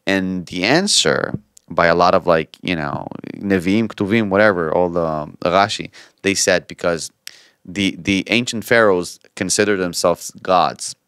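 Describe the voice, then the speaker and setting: A young man, co-hosting a casual podcast chat, animated and repeating words as he talks. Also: low-pitched, a little slow, smooth, no room sound, studio quality. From Israel. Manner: animated, does playful voices, stumbles and repeats words. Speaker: podcast co-host.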